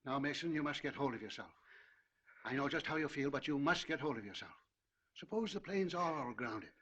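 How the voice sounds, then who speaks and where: An actor playing a pompous older judge who blusters and barks orders. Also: male voice, mid-range voice, expressive, fairly quick, pushed and bright, dull audio, a little hiss or hum. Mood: concerned. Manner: blustering, commanding. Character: pompous older male judge, brusque then generous.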